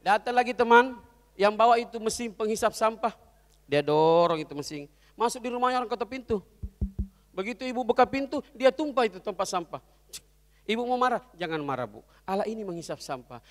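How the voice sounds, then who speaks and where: At a corporate event, a comedian does stand-up in a high, animated voice, delivering his jokes a little fast. He shifts between characters, going quiet for some and yelling for others. A long reverb from the event hall lingers after each line.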